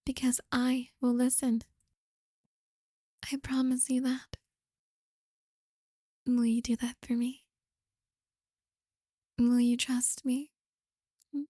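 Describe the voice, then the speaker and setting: A woman playing a possessive, manipulative girlfriend in an ASMR role-play, soft and breathy, with a creepy, coaxing, controlling manner. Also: fairly high pitch, completely flat delivery, takes it slowly, long pauses, dry recording, studio quality. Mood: sweetly possessive. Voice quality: soft, breathy, often soft-spoken. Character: possessive, manipulative yandere girlfriend, sweetly menacing.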